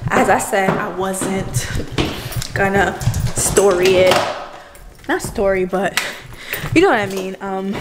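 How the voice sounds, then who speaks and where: A woman's voice: medium pitch, slight background noise. A woman hosting a casual vlog, chatting loosely with plenty of fillers. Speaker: vlogger host. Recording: echoey room.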